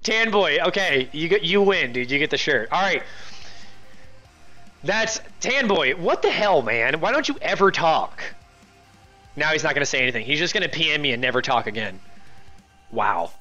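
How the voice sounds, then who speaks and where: A man's voice: on the high side, big pitch swings, normal speed, pushed and bright, lo-fi sound, soft background music. A man in his twenties chatting casually as a game live streamer, exclamatory and incredulous, on a close mic. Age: 20s. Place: small room indoors.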